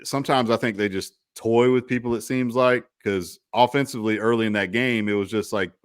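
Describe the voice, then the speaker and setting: A man's voice: mid-range voice, fairly even intonation, fairly quick, clean tone, dry recording, studio quality. A man co-hosting a casual college football talk show, rambling with frequent restarts and asides. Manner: rambling, restarts, lots of "you know". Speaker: co-host.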